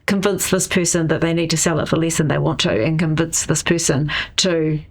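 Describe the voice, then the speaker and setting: A woman's voice: sits low, steady tone, brisk, a little mellow. A woman with a New Zealand accent explaining things in a podcast interview, often posing questions and checking with "right?". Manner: explanatory, uses rhetorical questions and tag "right?". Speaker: interviewee, real estate industry chief executive.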